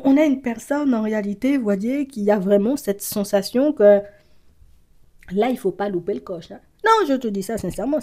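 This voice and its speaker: A woman giving a casual card reading to her viewers, animated and full of fillers, sometimes dropping into a whisper. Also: mid-range voice. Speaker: card reader. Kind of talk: casual tarot-style reading to camera.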